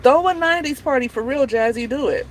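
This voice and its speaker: Her voice is high and fast as this woman in her forties hosts a relaxed live chat, calling viewers by name and laughing frequently. Slight background noise comes through the low-quality recording.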